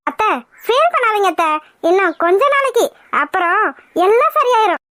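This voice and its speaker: A woman's voice: very high-pitched, lively intonation, moderate pace, a bit bright, dry recording, clean studio sound. A woman voicing a young would-be bride in a village cartoon, with a sugary, coaxing way of talking. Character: sweet-talking young bride-to-be, falsely caring.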